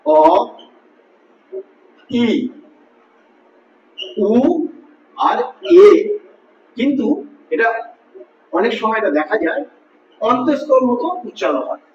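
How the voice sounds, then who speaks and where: Very high-voiced male teacher, echoey and distant. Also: animated, slow, long pauses. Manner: patient, repeats points, asks students questions. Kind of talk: classroom grammar lesson. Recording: echoey room, distant mic, dull lo-fi.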